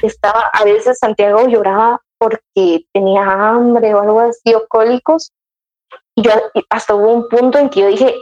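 A woman's voice: on the high side, steady tone, normal speed, darkish tone, muffled recording. A young woman, telling her story in casual chat, acting out her own past words with many restarts. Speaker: guest sharing her motherhood story.

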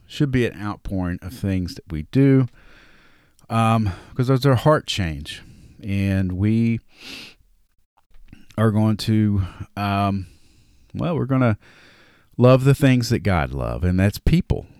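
A man with a Southern drawl talks casually through Bible verses, reading scripture aloud between loose, conversational asides. His voice sits fairly low, and the recording is dry and close. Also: animated, slow pace, long pauses, darkish tone, clean tone, dry recording. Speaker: podcast host. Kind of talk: casual Bible study talk.

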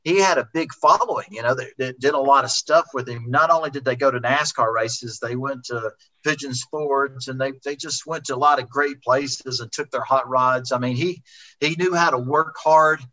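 Rambling middle-aged man, bright tone. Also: medium pitch, normal speed. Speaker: racing driver, interview guest. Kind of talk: heartfelt remembrance in a conversation. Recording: dull lo-fi sound.

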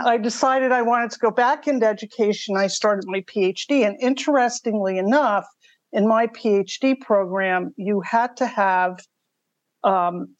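A woman's voice: mid-range voice, dry recording, muffled recording. An older woman telling her story conversationally as a podcast interview guest. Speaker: podcast guest, mystery writer.

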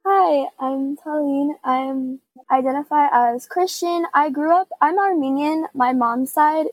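A woman's voice: high voice, measured pace, no echo, rough recording. Young-sounding woman sharing her story. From United States. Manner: candid, searching, frequent "like" and "you know". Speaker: panel guest. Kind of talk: personal story in a podcast panel.

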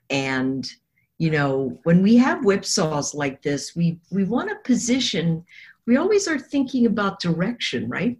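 Woman, low pitch, hoarse smoker's rasp, froggy, rambling, conversational market commentary. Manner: rambling, thinking aloud. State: hoarse from coughing. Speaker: trader and technical analyst guest.

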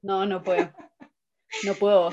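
A woman with a Chilean accent in casual chat, an expressive, self-mocking storyteller who repeats her phrases. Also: medium pitch, a little slow, highs cut off, a loud crowd. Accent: Chilean Spanish.

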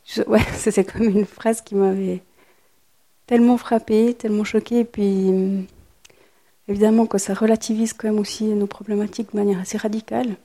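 Woman author, live public reading with commentary, mellow dark tone, searching for words between passages. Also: medium pitch, flat delivery, moderate pace. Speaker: author reading her own plays. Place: speaking to a live audience.

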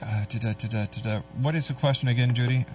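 A man with a husky voice hosting a live radio call-in show in a courteous, formal manner. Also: medium pitch, quick pace, darkish tone, faint music behind. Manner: courteous, formal, calls callers dear. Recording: dull, distant-sounding radio audio.

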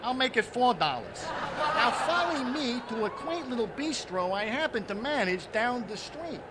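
A man's voice: extremely high pitch, big pitch swings, moderate pace, a loud crowd. A man playing an irritable, theatrical gangster schemer in old-time radio comedy, stammering and exclaiming. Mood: groggy, aggrieved.

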